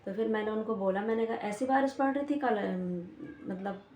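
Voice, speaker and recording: A woman's voice: medium pitch, normal speed, darkish tone. A young woman with a Pahadi Hindi accent, chatting casually as she retells a quarrel with a neighbour, full of "I said" asides. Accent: Uttarakhand Pahadi Hindi. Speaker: vlogger. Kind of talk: casual storytelling to camera. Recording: echoey room with faint background noise.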